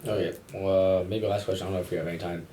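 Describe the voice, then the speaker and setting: An eighteen-year-old man hosting a podcast, asking questions in casual chat with lots of fillers. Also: deep voice. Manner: animated, fast, full of fillers. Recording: echoey room, faint noise.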